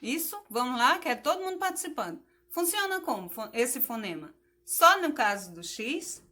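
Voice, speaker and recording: A woman's voice: high-pitched, big pitch swings, normal speed, bright, forceful tone. A woman teacher giving a patient phonics lesson to children, spelling out letters, asking questions and praising the answers.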